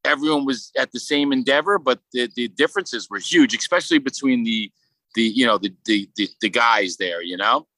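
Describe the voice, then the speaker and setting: Man, Brooklyn accent, bright forceful voice, dry close sound, casual rambling interview talk, halting phrasing. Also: mid-range voice, dry recording, low-quality recording. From Brooklyn, New York. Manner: halting, rambling, peppered with "you know". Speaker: podcast guest, sculptor.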